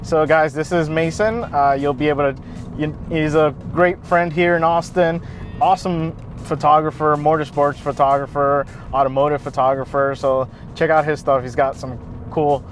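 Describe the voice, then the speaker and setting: A man's voice: on the high side, level tone, normal speed, a little hiss or hum. Upbeat man reviewing a car outdoors. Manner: enthusiastic, casual, many fillers and restarts.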